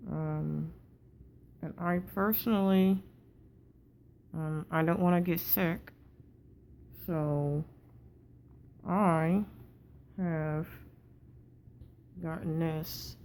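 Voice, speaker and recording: A low, slow-talking woman speaks through a wired-shut jaw, her words muffled behind closed teeth. She is tired and sore, halting and effortful, with a gravelly creak in a casual video diary. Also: fairly even intonation, darkish tone, a little hiss or hum. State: tired, sore with swollen cheek. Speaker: patient recovering from jaw surgery.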